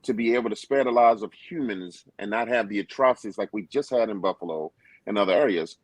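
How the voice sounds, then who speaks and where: Husky low-voiced man, earnest panelist. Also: fast, no echo. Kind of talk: panel discussion.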